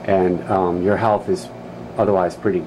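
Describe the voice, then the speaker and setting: A man's voice: deep voice, flat delivery, normal speed, background noise. A man asking questions as the interviewer in a casual, conversational interview.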